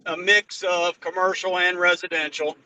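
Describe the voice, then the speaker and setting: Ohio guy on a crappy low quality video call stream, driving, bright kinda high voice, easygoing, lots of uhs. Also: flat delivery, moderate pace, poor audio. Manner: easygoing, hesitant with fillers and restarts. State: driving a vehicle. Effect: low quality streamed video call audio. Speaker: general contractor seeking advice. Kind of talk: casual video call chat.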